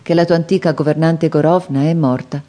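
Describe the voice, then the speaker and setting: A woman's voice: sits low, fairly even intonation, brisk, mellow, lightly acted. A woman doing a hesitant, kindly father. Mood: mild. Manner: hesitant, apologetic. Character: kindly, weak, embarrassed middle-aged father. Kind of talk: audiobook character reading.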